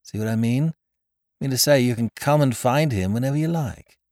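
A man's voice: medium pitch, moderate pace, darkish tone, no room sound, clean studio sound, pitched above the performer's own voice, lightly acted. A man voicing a young male peacemaker who talks in a soothing, coaxing way.

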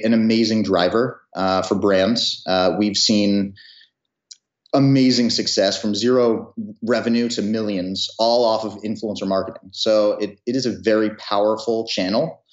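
Hesitant low-voiced man in his thirties. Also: fairly even intonation, normal speed. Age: 30s. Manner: hesitant, full of fillers and restarts. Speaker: company founder, guest. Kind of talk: interview answers. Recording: roomy, dull audio.

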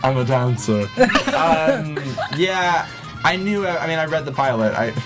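A man's voice: on the high side, expressive, a little slow, loud music behind the voice. A young man, an actor guest, chatting casually and rambling with many restarts. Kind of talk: casual chat.

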